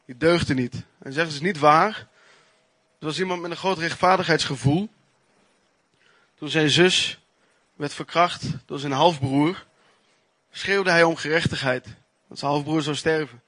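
A man's voice: fairly high pitch, a bit bright, no room sound. Earnest man preaching. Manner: earnest, emphatic, with pauses and restarts. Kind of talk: sermon with personal testimony.

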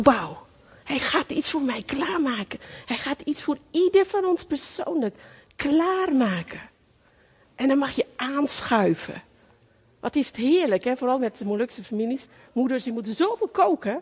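A woman's voice: sits high, darkish tone, big-room sound. A middle-aged woman preaching a sermon in a fervent, emphatic way, repeating her phrases for weight.

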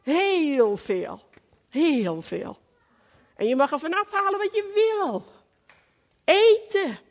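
A woman's voice: high voice, very animated, slow pace, in a large hall. A middle-aged woman preaching a sermon in a fervent, emphatic way, repeating her phrases for weight.

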